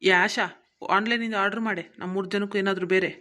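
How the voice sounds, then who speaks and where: A woman's voice: mid-range voice, fairly even intonation, a little fast, pushed and bright, close to an everyday voice. A woman voicing an impatient young husband in a cartoon, scolding his wife. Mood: angry. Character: angry young husband, the son. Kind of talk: cartoon voice acting.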